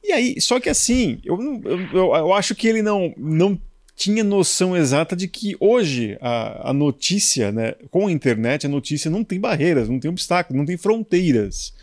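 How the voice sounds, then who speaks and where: A man from Brazil trading motorsport stories in a relaxed conversation. His pitch swings widely as he animates each anecdote, and the sound is dry and close with no room around it. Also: normal speed, dry recording. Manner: lively, animated anecdote telling with colloquial asides. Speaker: motorsport journalist. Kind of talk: casual storytelling in a conversation.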